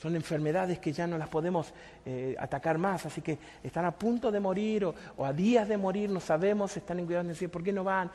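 Brief: hushed earnest nurse voiced by a high-pitched male pastor, reverberant hall. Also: fast talker. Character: soft-spoken hospital nurse, woman, earnest.

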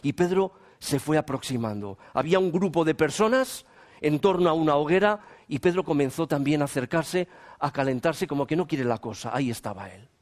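Guy preaching to youth, high voice, tells stories with lots of drama. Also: expressive, fairly quick. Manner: dramatic storytelling, acts out quoted voices. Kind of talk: sermon with personal story.

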